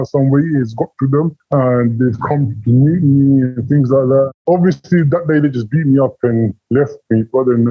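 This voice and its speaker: A husky man with a British accent answers interview questions in a loose, rambling way, circling back and repeating himself with plenty of fillers. He comes through a video call, and the audio is dull and lo-fi. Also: medium pitch. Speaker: interview guest, former call center scammer.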